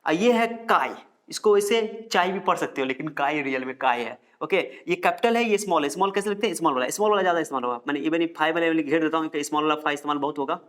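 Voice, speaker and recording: A man's voice: on the high side, fast talker, few pauses, fairly bright tone. A male teacher from India giving a chatty classroom lecture, repeating terms and joking as he writes on the board.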